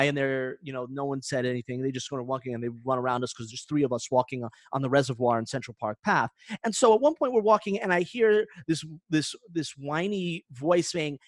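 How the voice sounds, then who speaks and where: A man co-hosting a podcast, telling a story with lots of restarts and animated swings. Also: a little high, no room sound, clean studio sound. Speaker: podcast co-host. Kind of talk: casual chat.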